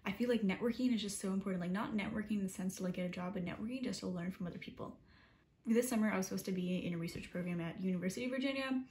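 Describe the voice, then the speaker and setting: A young woman in her early twenties chats straight to camera in a relaxed vlog. She rambles, with "like" after every few words and modest, self-deprecating asides, in an ordinary mid-range voice. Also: mid-range voice. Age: 20s. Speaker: college student vlogger. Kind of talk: casual talking-to-camera vlog.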